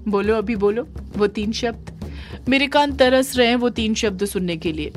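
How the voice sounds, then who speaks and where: A woman's voice: on the high side, normal speed, soft background music, lightly acted. A woman playing a lovesick, stubborn young woman. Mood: coy. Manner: pleading, pouting.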